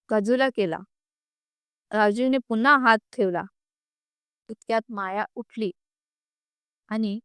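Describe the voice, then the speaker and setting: A woman narrating a scripted family story in a slow, gentle reading voice, close to the mic. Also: medium pitch, smooth, dry recording.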